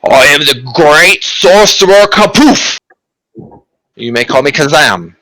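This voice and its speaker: A man voicing a pompous, all-knowing male sorcerer hidden in smoke, his voice booming as if magically loud. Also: animated, takes it slowly, no room sound, full character voice, poor audio. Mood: grandiose. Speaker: game master. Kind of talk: tabletop game character voice.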